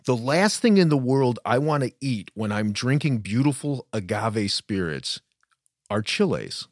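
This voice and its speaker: A man's voice: medium pitch, big pitch swings, measured pace, dry recording, clean studio sound. A man hosting a casual conversation, informal and questioning, with a skeptical way of responding.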